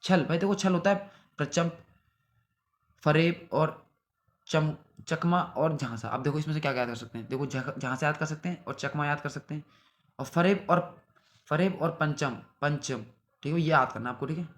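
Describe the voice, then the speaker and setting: In a fairly high-pitched voice at a moderate pace, a young man revises synonyms for an exam. He repetitively drills the word lists and checks in with his students after each one with "theek hai bhai."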